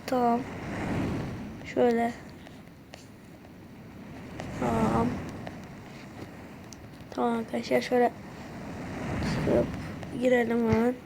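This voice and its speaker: High-voiced woman narrating her phone game. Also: takes it slowly, vocal fry, pauses often, noisy background. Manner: keeps saying "okay friends" while playing; bursts into excited shouts at discoveries. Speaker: gameplay commentator. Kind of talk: casual game commentary. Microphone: phone screen recorder.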